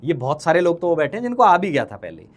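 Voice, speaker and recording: Man, high voice, chemistry teacher, teasing, repeats questions, live online lecture. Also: very animated, quick pace. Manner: teasing, calls students playful names.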